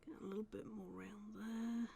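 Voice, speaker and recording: A woman's voice: mid-range voice, fairly even intonation, a little fast, creaky, background noise. A woman streaming as she paints miniatures, chatting casually and thinking aloud about her work. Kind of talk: casual live-stream chat.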